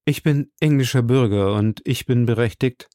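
A man voicing a calm, composed male gentleman in a storybook reading, speaking in a measured way. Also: mid-range voice, no room sound, clean studio sound, natural voice. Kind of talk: audiobook character voice.

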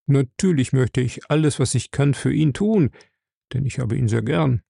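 A man reading aloud and voicing a calm, stout, middle-aged office manager who speaks in a measured, confiding way. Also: mid-range voice, vocal fry, slightly rough, dry recording, clean studio sound.

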